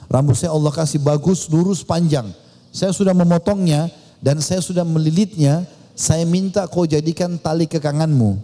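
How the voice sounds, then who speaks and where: A man voicing a grieving devout widow who pleads slowly and earnestly in a sermon story. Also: a little high, fairly even intonation, mellow, close to an everyday voice. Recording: long hall reverb.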